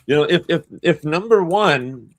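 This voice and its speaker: A man's voice: on the high side, lively intonation, a little slow. A man in his twenties co-hosting a podcast panel, gushing earnestly and restarting his sentences. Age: 20s. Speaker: co-host. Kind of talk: casual panel chat.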